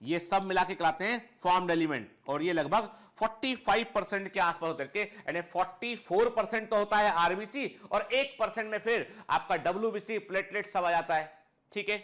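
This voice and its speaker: A man's voice: high voice, brisk, fairly bright tone. A man lecturing students as a biology teacher, explaining step by step, repeating key points and often checking they follow. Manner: explanatory, addresses students fondly as children; checks understanding with frequent short tag questions. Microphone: clip-on lapel mic.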